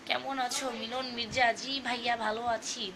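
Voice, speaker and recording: A woman's voice: a little high, steady tone, fairly quick, vocal fry, background noise. A woman hosting a casual live stream, reading fan comments aloud in a chatty, teasing way and singing snatches of song. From Bangladesh.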